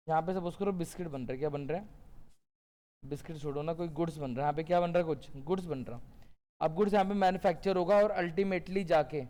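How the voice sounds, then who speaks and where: A man teaching a classroom lecture, asking questions and answering them himself, slowing down on key definitions. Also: fairly high pitch, mellow. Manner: drawn-out, slow phrasing on key definitions. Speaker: accountancy teacher.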